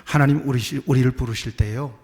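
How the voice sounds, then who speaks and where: A man's voice: medium pitch, fairly even intonation, a little fast, a little mellow. A man, a church pastor, preaching a sermon in a conversational way, asking the congregation questions and acting out short prayers. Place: church sanctuary. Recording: long hall reverb.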